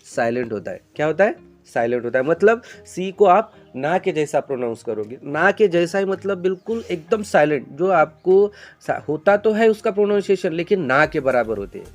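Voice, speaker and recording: This classroom-style pronunciation lesson features a man teaching English in Hindi, his fairly high voice swinging widely in pitch at a moderate pace. Faint music plays behind him. He repeats questions in call-and-response drills, supplies the answers himself, and calls viewers "beta" as though addressing children.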